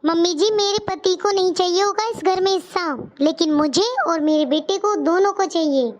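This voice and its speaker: A woman's voice: very high-pitched, normal speed. Woman doing an outspoken young daughter-in-law. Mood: indignant. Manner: insistent, indignant.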